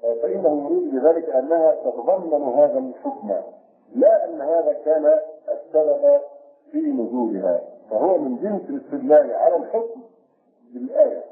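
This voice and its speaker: A man giving a religious lecture as a sheikh teaching Quran commentary, measured and repeating key phrases to explain them. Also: on the high side, sing-song. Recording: echoey room on a tinny lo-fi tape.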